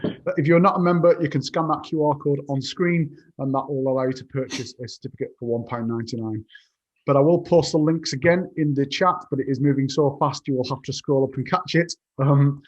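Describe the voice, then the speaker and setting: Enthusiastic man, dull audio. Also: mid-range voice. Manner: enthusiastic, rambling with restarts. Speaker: webinar host. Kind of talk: webinar hosting and announcements.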